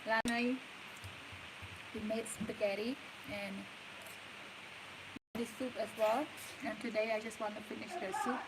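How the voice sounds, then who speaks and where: Woman, 30s, slow, slightly high, casual home vlog with loud background noise. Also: steady tone. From Cambodia. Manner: unhurried, chatty, coaxes her toddler in between. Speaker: vlogger and mother. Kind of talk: casual chat to camera. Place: home kitchen.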